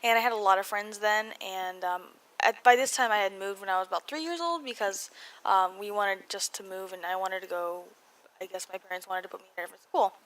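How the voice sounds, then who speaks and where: A young woman with an American accent and a mid-pitched voice chats through a personal voice-over for a video blog. Her words come out a little muffled, as if around braces. She rambles, cuts herself off and drops in self-mocking asides. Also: a little fast, a bit bright. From California, United States. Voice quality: slightly muffled articulation from braces. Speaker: video blogger. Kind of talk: casual chatty voice-over storytelling.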